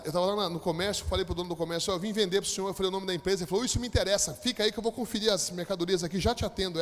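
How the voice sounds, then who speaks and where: Brazilian pastor guy preaching, high voice, big dramatic swings, echoey church hall. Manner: dramatic storytelling, voice rising to loud high peaks. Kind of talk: sermon storytelling. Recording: long echo of a church hall.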